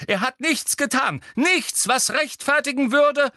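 A man voicing a stern older woman professor who shouts in shrill outrage in an audiobook reading. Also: a little slow, no echo, studio quality, heavily acted. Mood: outraged.

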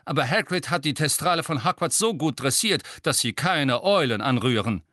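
A man voicing a gruff, brisk older witch teacher who smokes a pipe, in an audiobook. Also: fairly high pitch, lively intonation, a bit bright, no echo, clean studio sound, pitched above the performer's own voice.

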